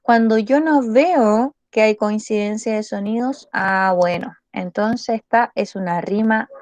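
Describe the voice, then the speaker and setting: A woman's voice: mid-range voice, unhurried, darkish tone, dry recording. A woman teacher with a Chilean accent, explaining a school lesson patiently and checking often whether the class follows.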